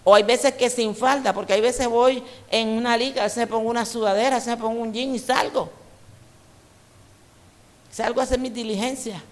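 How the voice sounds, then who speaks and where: A woman's voice: fairly high pitch, fairly even intonation, normal speed. A woman preacher from Colombia with a coastal Colombian accent, giving an emphatic, conversational sermon full of personal stories. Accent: Colombian Caribbean coast. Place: church hall. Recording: reverberant church hall.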